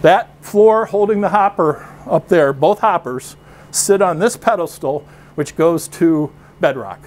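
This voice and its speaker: A man's voice: on the high side, measured pace, darkish tone. A man guiding a tour through a film factory, explaining things in a friendly way. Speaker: factory guide. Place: factory floor.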